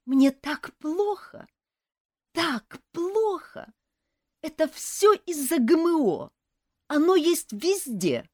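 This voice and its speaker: A woman's voice: high voice, animated, drawn-out words, mellow, no room sound, studio quality, voice pushed up, exaggerated voice. A woman voicing a melodramatic young male elf with a cold, whimpering, sniffling and wailing about his pain. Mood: whining. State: stuffy nose from a cold. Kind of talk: audiobook character voice.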